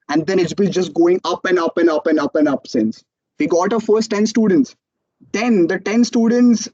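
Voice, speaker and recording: A young man with an Indian English accent gives a motivational talk about starting out. His voice sits high and he tells the story with animated energy, slipping into other people's voices. The sound is dry and a little dull. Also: no echo. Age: young adult. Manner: animated storytelling, acts out quotes. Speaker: student entrepreneur speaker.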